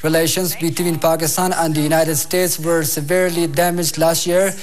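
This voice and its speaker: A man's voice: on the high side, level tone, normal speed, faint music behind. A young man with an Afghan accent reading scripted news as an anchor, on a lapel mic in a TV studio. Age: young adult.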